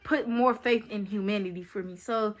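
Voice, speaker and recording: A young woman telling a story to her viewers in a chatty, animated way. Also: mid-range voice, moderate pace. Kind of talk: casual storytime chat.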